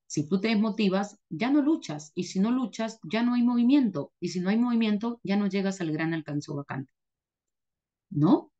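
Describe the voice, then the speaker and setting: A woman teacher lectures emphatically, hammering each point through repetition and rhetorical questions. Her voice is mellow and dark-toned, in a mid register. The recording is dull and lo-fi. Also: mid-range voice, animated, normal speed. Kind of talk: motivational lecture.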